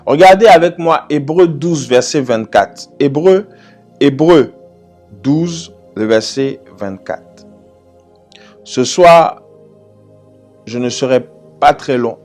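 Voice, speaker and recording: A man preaching a sermon, repeating key phrases with emphasis and swinging between loud declarations and quiet asides. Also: slow pace, pauses often, soft background music. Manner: emphatic, repeats phrases, swells loud then drops low. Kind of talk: sermon with prayer.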